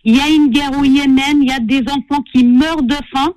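A woman's voice: sits high, fairly even intonation, a little fast, darkish tone, no echo, poor audio. Indignant woman caller with a Portuguese accent. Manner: indignant, earnest. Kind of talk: call-in radio conversation.

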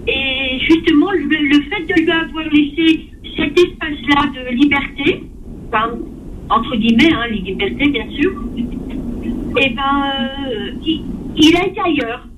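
A woman calling a radio talk show from her car speakerphone, speaking in a halting, hesitant but candid way over a dull phone line. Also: high-pitched, a bit bright, slight background noise. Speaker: radio call-in caller.

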